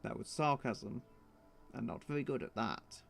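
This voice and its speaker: A man's voice: medium pitch, animated, normal speed, gravelly, fairly bright tone, faint music behind. A man streaming his drawing, thinking aloud in a muttering, self-deprecating way.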